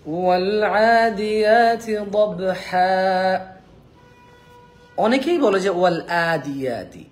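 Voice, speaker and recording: A man teaching Quran pronunciation in a live online lesson, coaxing viewers to repeat each letter after him and checking in often. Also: fairly high pitch. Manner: repeats Arabic letters slowly, checks in with "কেমন?".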